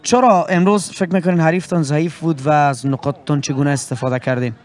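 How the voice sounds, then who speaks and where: Speaking outdoors in front of a pitchside sponsor backdrop, a young male sports presenter with an Afghan Dari accent holds a handheld mic for a post-match interview and sign-off. His voice is on the high side with fairly even intonation, and his delivery is formal and fluent in broadcaster style.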